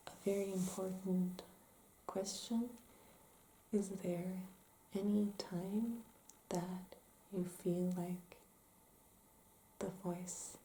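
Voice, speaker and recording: A woman playing a calm, gentle therapist in an ASMR role-play, asking careful, hesitant questions in soft-spoken ASMR style. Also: mid-range voice. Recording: roomy echo, faint background noise.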